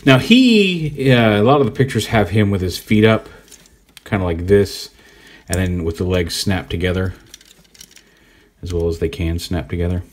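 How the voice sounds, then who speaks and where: Low-voiced man casually reviewing a toy. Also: moderate pace. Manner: relaxed, rambling, thinks aloud while handling the toy. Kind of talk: casual hands-on product review.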